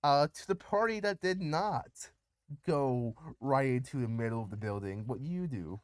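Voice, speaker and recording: A man's voice: medium pitch, lively intonation, moderate pace, no room sound, clean studio sound. A man running a tabletop game as game master, laughing often and stalling with repeated restarts.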